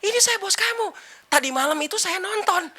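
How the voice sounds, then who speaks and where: A woman's voice: very high-pitched, expressive, brisk, pushed and bright, pitched above the performer's own voice, full character voice. A woman voicing a friendly former boss who talks in a casual, chatty way.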